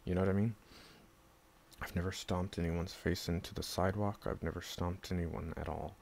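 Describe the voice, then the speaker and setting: A gravelly-voiced Southern California man rambles defensively through a monologue, swearing and erupting in sudden loud bursts. His voice is deep, and there's a little hiss or hum.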